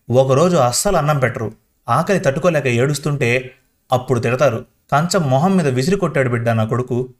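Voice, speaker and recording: A man's voice: mid-range voice, natural voice. Storybook: a frail grandmother in her late 70s, tearful and pleading, voiced by a male reader. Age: older. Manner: tearful pleading, addressing the listener as child. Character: frail beaten 78-year-old grandmother, tearful. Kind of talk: storybook reading.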